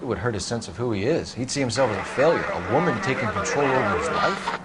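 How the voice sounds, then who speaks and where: An actor playing an earnest young police detective in a 1940s crime game, asking questions in a measured, formal way. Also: male voice, medium pitch, lively intonation, very noisy, lightly acted.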